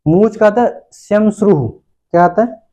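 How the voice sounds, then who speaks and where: A man with a high, mellow voice teaches Sanskrit words at a measured pace in a recorded classroom lecture. Each term gets repeated, and he asks his own questions before answering them.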